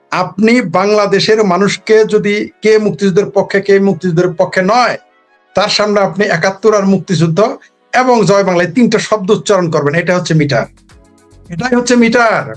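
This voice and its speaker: A man giving an impassioned political talk, rhetorical and emphatic, repeating his points. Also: sits high. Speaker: political commentator.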